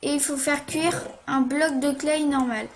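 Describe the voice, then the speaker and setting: A woman's voice: high voice, fairly even intonation, a little slow, a little hiss or hum. A woman talking through a casual game tutorial while she plays, hesitant, with many fillers and little "hop" sounds as she clicks.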